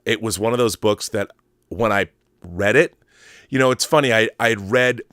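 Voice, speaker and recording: This middle-aged host of a film and book commentary show rambles through casual opinions in an emphatic, conversational style, frequently digressing. His pitch is fairly low, his tone a bit bright, and he speaks at a normal speed on a dry recording.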